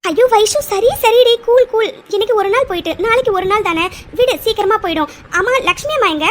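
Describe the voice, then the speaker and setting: Cartoon lead: woman voicing a gentle young orphan girl, very high pitch, soft and pleading. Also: fairly quick, slight background noise. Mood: soothing. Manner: soft, pleading, hesitant self-talk.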